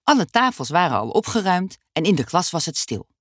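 A woman narrating a children's story with expressive storytelling. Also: fairly low pitch, fairly quick, no room sound, clean studio sound.

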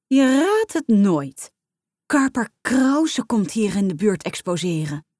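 A woman's voice: mid-range voice, expressive, unhurried, darkish tone, dry recording. A woman voicing a theatrical, starstruck mother who draws out her words in swooning emphasis. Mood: gushing. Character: gushing middle-aged mother, starstruck and theatrical.

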